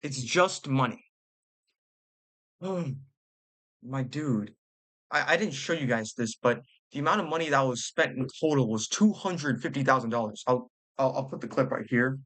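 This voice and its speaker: Speaking at a normal speed in a mid-range, somewhat bright voice, a young man delivers reaction commentary as a vlogger. Expect slang, sarcasm, bluntness, and the occasional fumbled word.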